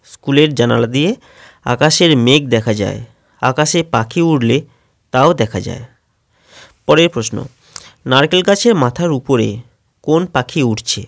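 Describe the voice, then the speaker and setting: A man's voice: medium pitch, measured pace, gravelly, long pauses, no echo. Methodical Bengali male teacher, dry close sound. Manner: steady, methodical, announcing each question then answering. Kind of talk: question-and-answer lesson for schoolchildren.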